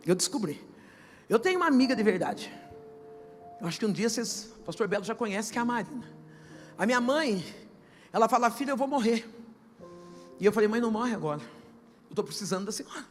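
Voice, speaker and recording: A middle-aged woman pastor with a Brazilian accent gives a testimony sermon, moving from hushed storytelling to shouted, half-sung preaching. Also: a little high, expressive, fast, long pauses. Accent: Brazilian Portuguese. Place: large church hall. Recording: church hall reverb with music behind.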